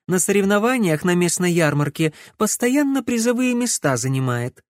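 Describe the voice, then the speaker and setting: A man's voice: sits high, expressive, normal speed, dry recording, studio quality, voice pushed up. Man voicing a gushing, eager young woman. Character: cheerful enthusiastic young woman.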